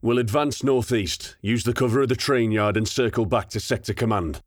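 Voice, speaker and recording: A man reading the part of a male colonel giving brisk commands over the radio in an audiobook. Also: mid-range voice, no room sound, clean studio sound, pitched above the performer's own voice, lightly acted. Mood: commanding.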